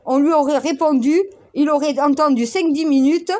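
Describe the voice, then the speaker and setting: A woman's voice: sits high, moderate pace, dark tone. A woman vlogger giving a heated, blunt monologue and swearing freely. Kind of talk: casual ranting monologue.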